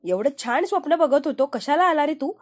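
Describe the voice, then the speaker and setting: A woman's voice: sits high, lively intonation, fairly quick, voice pushed up. A woman voicing a stubborn young husband who answers curtly and defensively.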